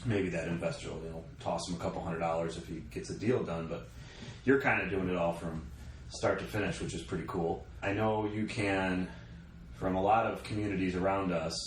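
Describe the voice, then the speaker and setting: A man hosting an interview show, relaxed as he explains things between short affirmations. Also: low voice, brisk. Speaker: radio show host. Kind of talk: casual interview. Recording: roomy echo, distant from mic, faint noise.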